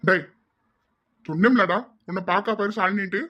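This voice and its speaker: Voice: mid-range voice, normal speed, sharp tone, highs cut off. A performer voicing a young man who jokes with and needles his friend, in an amateur audio drama. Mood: teasing. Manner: joking, needling. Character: teasing young male college buddy.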